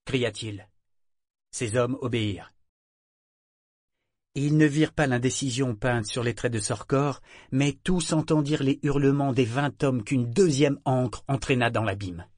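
A man narrating an adventure novel in measured storytelling. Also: medium pitch, darkish tone, no room sound, studio quality. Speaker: audiobook narrator. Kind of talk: scripted narration.

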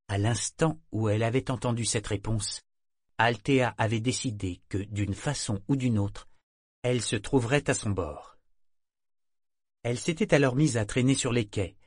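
A man reading a novel as an audiobook narrator in a measured, even manner. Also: on the low side, no room sound, clean studio sound. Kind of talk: scripted narration.

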